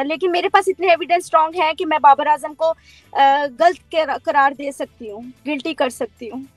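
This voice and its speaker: A woman's voice: sits high, no room sound. A woman in her thirties with a Pakistani Urdu accent, giving an earnest, firm account as an interviewee on a call and mixing in English words.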